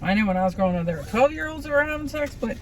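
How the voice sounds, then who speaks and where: A woman's voice: high voice, expressive, rapid-fire, a little mellow. A woman chatting casually in a matter-of-fact way. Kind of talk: casual chat.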